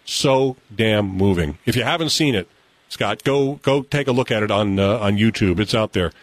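An American man hosting a radio show, telling stories and running a game in an animated, conversational way. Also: lowish voice, moderate pace, dry recording. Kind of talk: broadcast talk, storytelling and game hosting. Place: radio studio. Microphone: close studio mic.

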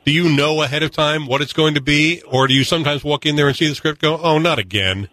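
A male radio host with a bright, forward voice, recorded close and dry. He interviews a guest with long, measured questions. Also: on the high side, no echo, poor audio. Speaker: radio talk show host.

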